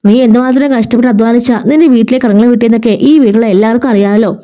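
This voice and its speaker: A woman voicing an older mother-in-law who slowly consoles her son's wife in a spoken serial story. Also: fairly high pitch, fairly even intonation, warm tone, lightly acted. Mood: consoling.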